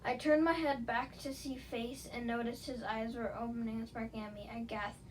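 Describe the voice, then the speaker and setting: A woman reads a first-person fan fiction story aloud in a relaxed, casual way, now and then stumbling and correcting herself. Her voice sits on the higher side, and a faint hiss of noise sits behind it. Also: moderate pace, low-quality recording. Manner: casual reading with small slips. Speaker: narrator.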